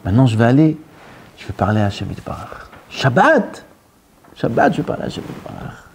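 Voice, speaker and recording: A man preaches a Torah sermon, dropping to hushed near-whispers and then rising into lively bursts. His voice is dark and mellow, at a middle pitch. A faint hum of noise sits behind it. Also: quick pace, gravelly. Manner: mixes Hebrew terms into French. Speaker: rabbi giving a Torah talk.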